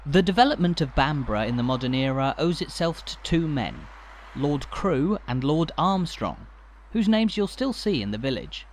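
A man giving scripted, measured narration for a walking tour, informative with a light dry humour. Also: fairly high pitch, sing-song, a little hiss or hum.

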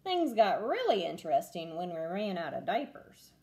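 This first-grade teacher, a woman in her twenties, has a lowish voice and reads at a normal speed. She's at home in a small room near a window, bringing a picture book to life for children with expressive delivery.

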